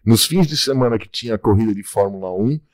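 A man's voice: lowish voice, fast talker, dry recording. A man in his sixties with a Brazilian accent, hosting a casual podcast chat and teasing his guests with slang. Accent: Brazilian Portuguese. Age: 60s. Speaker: podcast host.

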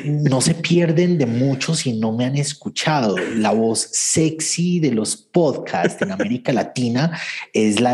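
A man's voice: mid-range voice, darkish tone. A Colombian man as a podcast guest, telling stories with self-deprecating humor. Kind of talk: casual conversational interview.

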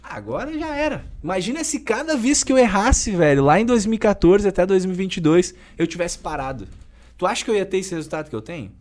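A man's voice: high voice, quick pace. A man in his thirties with a southern Brazilian Gaúcho accent, talking emphatically and colloquially as a podcast guest. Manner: emphatic, animated, colloquial, keeps saying "velho". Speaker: personal trainer guest. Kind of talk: casual podcast conversation.

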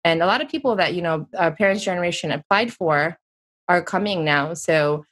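Her voice is fairly low and a bit bright, moving at a normal speed. This woman in her thirties from the United States is an interview guest, chatting reflectively in a casual exchange loaded with fillers.

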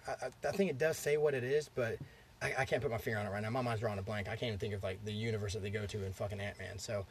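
A man's voice: on the low side, fairly even intonation, rapid-fire, slight background noise. A man with a congested throat hosting a podcast, telling movie plots in a rambling, profane way with lots of fillers. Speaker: podcast host. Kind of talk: casual chat, storytelling.

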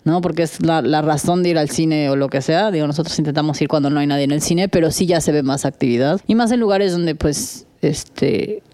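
A woman's voice: low-pitched, brisk, hardly any pauses, mellow, no echo. A woman co-hosting a podcast, chatty and frank in her opinions about a movie. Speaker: podcast co-host. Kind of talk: casual film chat.

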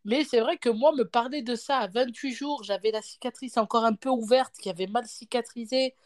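Lively storytelling woman, higher voice. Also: fairly quick, dry recording. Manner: lively storyteller acting out dialogue; peppers speech with "hein" and "tu vois". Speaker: podcast guest parent. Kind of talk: casual podcast chat.

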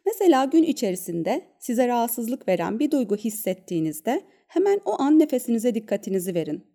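A woman with a soft-edged, very mellow voice at an average pitch. She speaks in a calm, measured manner, like a therapist narrating a scripted wellness podcast and guiding a breathing exercise.

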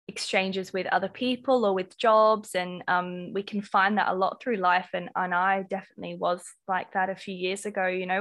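A woman's voice: mid-range voice, a bit bright. A woman with an Australian accent hosting a podcast interview, effusive and full of ums. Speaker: podcast host.

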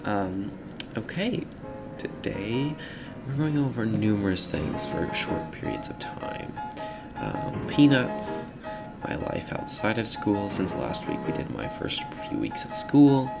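Over loud music, a young man with a lowish voice, big pitch swings and vocal fry hosts his own casual podcast. He rambles, hesitates and corrects himself, and the microphone makes him sound slightly metallic and robotic.

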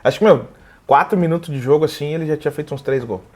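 A man, chatting casually as a guest. His voice sits a little high. He tells long stories with animation and plays out other people's lines as he goes. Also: rapid-fire. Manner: animated, acts out quoted dialogue. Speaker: guest, comedy video creator. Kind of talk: casual storytelling chat.

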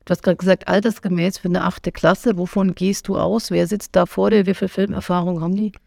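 Female podcast host, calm and curious, gravelly timbre, dry close mic. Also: lowish voice, a little fast, no echo. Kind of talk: interview questions.

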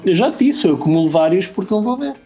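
A man's voice: sits high, animated, rapid-fire, mellow, faint music behind. A man with a European Portuguese accent chatting casually as a co-host, telling anecdotes in a rambling, self-deprecating way. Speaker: talk show co-host.

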